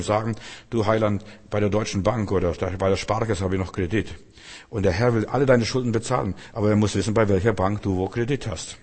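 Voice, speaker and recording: A man's voice: lowish voice, a little mellow, breathy edge, big-room sound. A man preaching a sermon, earnest and repetitive, speaking directly to the listener.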